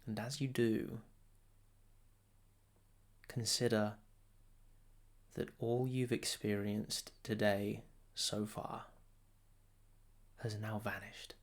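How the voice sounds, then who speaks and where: A meditation teacher, a man, guides a session in a soothing, deliberate way, offering short phrases separated by long pauses. His voice sits lowish and his tone stays level.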